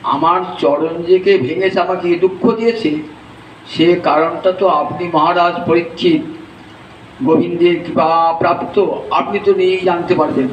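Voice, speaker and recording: A man's voice: high voice, fairly even intonation, moderate pace, muffled recording, slight background noise, close to an everyday voice. A man voicing a sorrowful, wounded bull that speaks humbly to a king, in a roomy recording. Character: grieving wounded bull embodying righteousness. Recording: roomy, distant mic.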